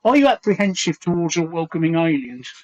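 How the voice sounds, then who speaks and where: He talks briskly, with a fairly high pitch and big swings in it. The speaker, a livestream host in his sixties from East London with a London Cockney accent, keeps the chat casual, earnest and rambling, often repeating phrases as he works things out, all on dull lo-fi stream audio.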